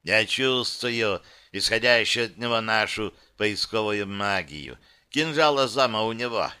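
A man voicing a calm, menacing male kidnapper with a rasping, husky voice, speaking slowly and deliberately. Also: on the low side. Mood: gloating.

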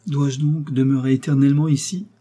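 A scheming, defiant noblewoman, voiced by a man reading aloud, her lines husky and warm-toned. She bristles with indignation. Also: medium pitch, level tone, fairly quick, close to an everyday voice. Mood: indignant. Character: cunning, fierce young noblewoman.

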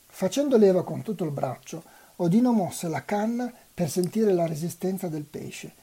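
A volunteer reader reading a novel aloud for a web radio reading marathon, in an unhurried, even way. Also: medium pitch, breathy edge.

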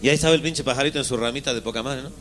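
A man telling crude jokes with bursts of high squeaky character voices. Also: very fast, fairly bright tone.

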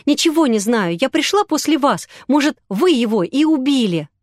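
A woman voicing a frightened, defiant young woman in an audiobook, speaking in a sharp, snapping way. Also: high-pitched, very animated, normal speed, dry recording, clean studio sound, voice pushed up.

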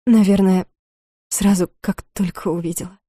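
A woman's voice: mid-range voice, fairly even intonation, normal speed, mellow, slightly rough, no room sound, studio quality, close to an everyday voice. Woman reading a young heroine in love.

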